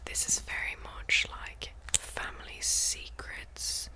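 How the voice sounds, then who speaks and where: A woman whispering ASMR close to the mic in a casual book chat, breathy and unvoiced, softly repeating words and phrases. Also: slow pace, low-quality recording. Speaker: book review vlogger.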